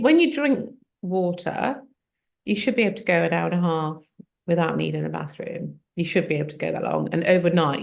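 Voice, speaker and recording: A woman, a health coach as guest, explaining at length in a relaxed conversational way with many fillers. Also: deep voice, gravelly. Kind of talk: conversational interview.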